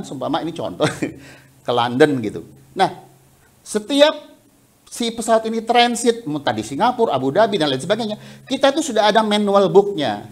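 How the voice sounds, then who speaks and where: A man preaching a sermon. His voice sits high and swings widely in pitch. He talks in an animated, chatty way and often breaks into laughter. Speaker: pastor. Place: church sanctuary. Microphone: headset mic resting on the cheek.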